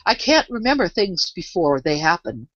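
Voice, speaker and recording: A woman's voice: lowish voice, big pitch swings, moderate pace, fairly bright tone, no echo, dull audio. A woman voicing a polite, puzzled seven-year-old girl, earnest and questioning, in a storybook reading. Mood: doubtful, earnest. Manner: earnest, questioning, slightly hesitant. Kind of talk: storybook character voice.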